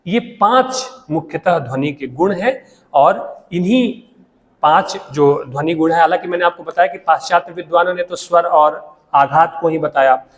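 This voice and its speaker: High-voiced male Hindi teacher, reverberant. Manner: explains slowly with pauses, often adds "theek hai". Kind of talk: classroom lecture.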